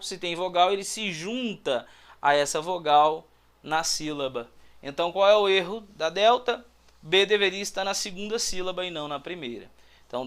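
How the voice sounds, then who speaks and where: A male teacher from Brazil explaining an exam question in a lively, chatty way, often checking in with his students. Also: on the high side. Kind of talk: exam-prep lesson. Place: prep school classroom or studio.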